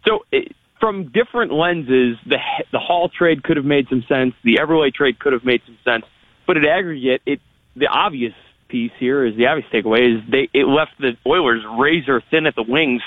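A man's voice: mid-range voice, normal speed, no echo. A male analyst talks through sports arguments in a conversational way, stammering over repeated words as he builds a point. He is on a slightly dull phone line, with no room sound. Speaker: hockey analyst guest. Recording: band-limited phone line on radio.

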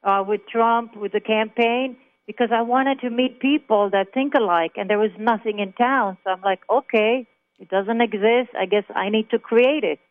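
A woman's voice: fairly high pitch, moderate pace. Chatty woman from Israel on a phone line. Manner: chatty, emphatic storytelling. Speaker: caller. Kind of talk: phone interview on talk radio.

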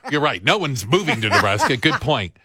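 A man's voice: mid-range voice, a little fast, husky, no room sound, studio quality. A man hosting a radio talk show, chatting casually and teasing his co-hosts. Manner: joking, animated, teasing. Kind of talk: casual chat.

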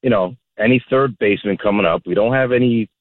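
A man calling a sports radio show over a phone line, talking casually in a halting, repetitive, exasperated way. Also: lowish voice, no echo. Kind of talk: casual sports fan talk. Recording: narrow, tinny phone line.

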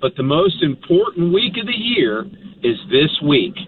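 A man's voice: fairly high pitch, very animated, unhurried. A man calling in to a sports talk radio show over the phone. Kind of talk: sports talk call-in chat. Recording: tinny phone line with faint noise.

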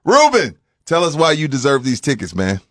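A man's voice: mid-range voice, lively intonation, a little fast, no room sound, studio quality. A man hosting a morning sports talk radio show, casual and opinionated, who repeats points for emphasis and takes listener calls. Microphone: studio mic.

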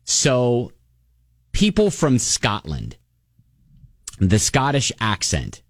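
A man's voice: mid-range voice, huge pitch swings, drawn-out words, dry recording, studio quality. A man co-hosting a radio show in casual chat, telling a story with frequent giggles.

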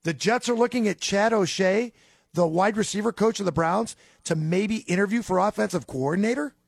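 A man's voice: sits high, normal speed, vocal fry, dry recording, studio quality. A man hosting a sports radio talk, casually asking his guest questions. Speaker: radio host.

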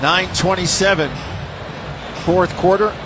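A man's voice: high-pitched, steady tone, slow. A man doing live basketball play-by-play commentary in clipped, short phrases. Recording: courtside arena noise behind voice. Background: basketball arena crowd and bouncing balls.

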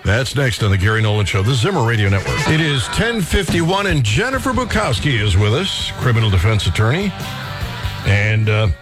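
A man hosting a talk radio show, chatting casually with a guest in a halting way with many fillers. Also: medium pitch, animated, over music.

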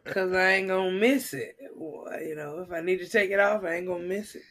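An American woman co-hosting a podcast, chatting casually and telling personal stories in an expressive, exclamatory way with a husky voice. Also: lowish voice, brisk, slight background noise. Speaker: podcast co-host. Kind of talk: casual chat and personal storytelling.

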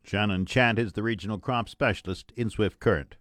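A man's voice: fairly low pitch, steady tone, brisk, fairly bright tone, dry recording. A man presenting a radio farm report, reading scripted market prices.

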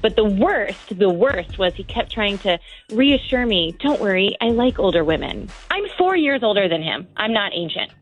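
A woman's voice: medium pitch, big pitch swings, normal speed, rough recording. A woman in her twenties on a call to a radio show, talking bluntly with sarcasm and plain exasperation. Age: 20s. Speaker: caller.

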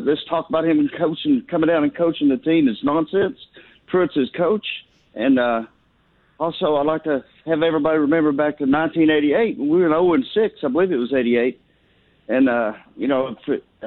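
A man speaking haltingly as a caller to a sports radio show over the phone. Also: fairly high pitch, no room sound, narrow, tinny audio. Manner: hesitant, halting delivery. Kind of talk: casual call-in fan talk.

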